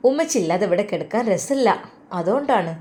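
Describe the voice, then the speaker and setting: A woman voicing a gentle young father who soothes his children with soft reassurance, in a Malappuram accent. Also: medium pitch, animated, brisk, natural voice. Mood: soothing. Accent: Malappuram Malayalam.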